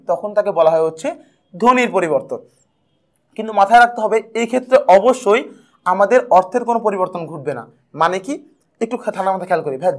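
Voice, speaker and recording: A high-pitched young man teaches an exam prep lesson at a quick clip. He keeps it lively and playful and goes over each key point more than once.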